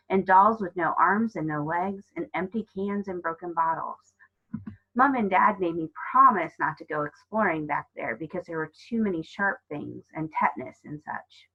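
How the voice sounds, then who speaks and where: Stubborn young storybook girl, read by a woman, earnest, firm, a bit higher, dull lo-fi sound. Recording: dull lo-fi recording.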